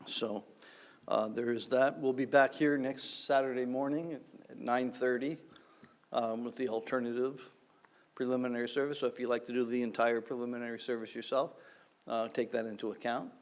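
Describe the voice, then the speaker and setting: A man leading a synagogue service, reciting blessings and giving announcements in a relaxed, conversational way with many fillers. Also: medium pitch, normal speed. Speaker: service leader. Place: synagogue sanctuary.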